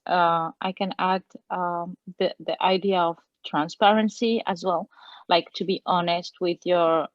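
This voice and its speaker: A woman's voice: fairly low pitch, fairly even intonation, unhurried, no room sound, dull audio. A woman from Morocco, a guest on a webinar, speaking thoughtfully and hesitantly with many fillers. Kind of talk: thoughtful panel talk.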